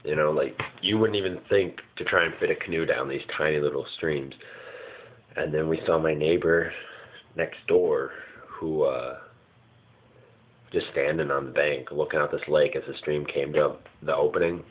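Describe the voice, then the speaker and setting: A man's voice: extremely low pitch, steady tone, moderate pace. A man casually recounting his dreams in a hazy, puzzled way, vague and often searching for words. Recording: muffled phone-like lo-fi sound.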